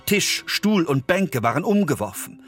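A man reads a fairy tale aloud with an animated, rising and falling voice. He drops low and soft at tense moments, over quiet background music. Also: unhurried. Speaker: narrator.

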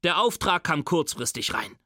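A man's voice: a little high, very animated, normal speed, bright, forceful tone, dry recording, clean studio sound, heavily acted. A man voicing a curt, unbothered old grandmother in a children's book reading, speaking in a cool, clipped way.

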